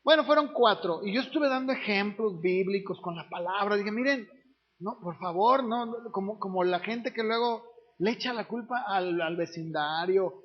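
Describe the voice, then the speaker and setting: A man's voice: high voice, normal speed. A man, a pastor preaching a sermon in a conversational way, often asking the congregation questions. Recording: dull lo-fi recording.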